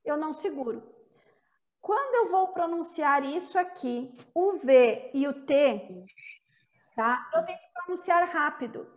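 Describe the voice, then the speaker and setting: A woman teaching an English pronunciation lesson, patiently saying each word slowly and more than once to model the sounds. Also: high-pitched, lively intonation. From Brazil.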